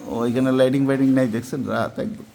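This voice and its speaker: A man's voice: mid-range voice, steady tone, fairly quick, creaky, warm tone. A man chatting casually while sightseeing, in short exclamatory remarks, recorded inside a cave. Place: small boat inside a low cave. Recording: noisy on-location cave recording.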